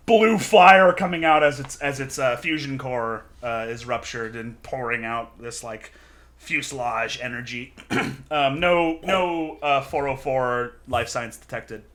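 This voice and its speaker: A man narrating a tabletop game as game master, halting with lots of fillers and giggles. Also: medium pitch, fairly bright tone.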